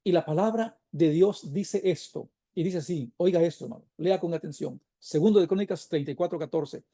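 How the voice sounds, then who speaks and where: A man preaches a sermon in a church, earnest and emphatic, reading scripture slowly and asking one rhetorical question after another. His voice sits high but sounds deeply mellow and dark. The recording is dry and close, with no room echo. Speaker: pastor.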